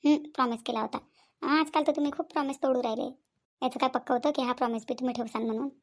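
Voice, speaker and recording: A woman voicing complaining rural women of a joint family in a cartoon, with a Vidarbha Marathi accent and a quick, chattering manner. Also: high-pitched, fairly even intonation. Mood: doubtful. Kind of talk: cartoon voice acting.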